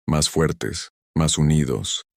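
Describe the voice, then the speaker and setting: A man's voice: extremely low pitch, slow, gravelly, no echo, clean studio sound, exaggerated voice. A man voicing a resilient mother in her thirties inside a narrated story. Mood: heartfelt.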